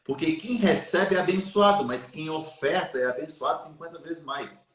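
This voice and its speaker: A man's voice: on the high side, animated, normal speed, a bit bright, slight background noise. Earnest man telling a faith story, echoey room. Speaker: live stream guest. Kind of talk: storytelling in a live chat.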